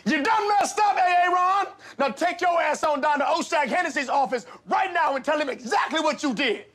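A man playing a strict, combative middle-aged substitute teacher from an inner-city school in a comedy sketch, stern and husky as he barks at the class. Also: very high-pitched, lively intonation, a little fast, fairly bright tone. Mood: furious. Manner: stern substitute teacher barking roll call.

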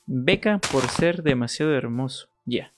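Male streamer, playful and chatty, mid-pitched, casual gameplay commentary with sing-song asides. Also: animated, unhurried, noisy background. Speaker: gaming streamer.

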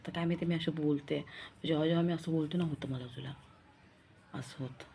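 Low, dark-voiced woman chatting casually. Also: steady tone, brisk, a little hiss or hum. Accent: Marathi. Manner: rambling, confiding, repeats herself. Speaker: vlogger. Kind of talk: casual vlog chat.

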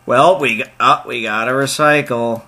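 A young man records casual let's play commentary on a point-and-click game, reading its text aloud and tossing in jokey, excitable asides. His voice is medium-pitched at a moderate pace.

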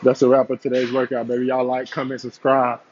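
A young man talks in a casual, motivational vlog style with slangy, buddy-like phrasing. His voice is mid-pitched, and the phone recording in a large gym sounds slightly dull. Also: completely flat delivery, a little fast, a little mellow, soft background music. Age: young adult. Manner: hyped, slangy, familiar address. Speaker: fitness vlogger, agency founder. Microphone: phone at arm's length or propped nearby. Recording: muffled phone audio in a gym.

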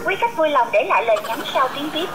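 A woman's voice: sits high, animated, quick pace, music in the background, rough recording. A woman's recorded phone voicemail prompt, formal and polite, asking the caller to leave a message. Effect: automated phone voicemail prompt.

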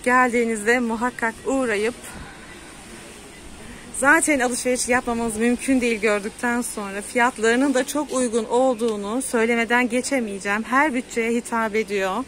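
A woman's voice: fairly high pitch, fairly even intonation, normal speed, a bit bright, a little hiss or hum. A woman vlogger chatting to her followers on a walking tour, recorded outdoors on a handheld camera. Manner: chatty, addresses followers directly, promotes market stalls. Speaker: travel vlogger. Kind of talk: walking tour vlog narration. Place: outdoor seaside market street.

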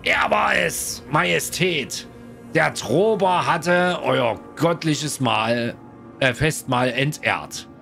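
Vain, prissy falcon, as a man puts it on: a scolding, hissing storybook bird voice, pitched high. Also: lively intonation, slow, gravelly, pushed and bright, soft background music, heavily acted.

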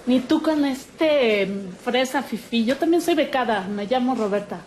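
A woman's voice: fairly high pitch, lively intonation, measured pace, a little mellow, roomy sound, slight background noise. A woman playing a rebellious, sarcastic scholarship schoolgirl in a telenovela parody, with a sardonic Mexican accent. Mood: defiant.

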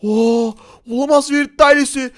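A man's voice: very high voice, fairly even intonation, a little fast. A man hosting a Minecraft role-play, chatty and teasing, talking to his viewers. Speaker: game role-play host and narrator.

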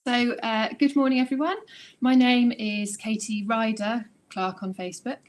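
A woman's voice: a little high, steady tone, normal speed. A woman in her thirties with a British accent, a guest speaker joining a video call from her living room and talking informally with a few fillers. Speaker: guest speaker, scrap store chair. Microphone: laptop webcam video call.

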